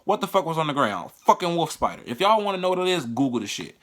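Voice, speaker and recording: Profane, halting man with a bright voice. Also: a little high, big pitch swings. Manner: profane, halting, with frequent restarts. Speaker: vlogger. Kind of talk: casual personal storytelling.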